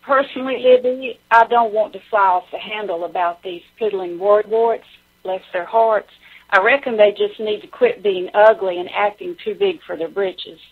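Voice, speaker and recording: A woman's voice: medium pitch, moderate pace, husky. Folksy Southern woman on a phone line. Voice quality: pleasant, calming. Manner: folksy, down-home phrasing. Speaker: interview guest. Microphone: telephone.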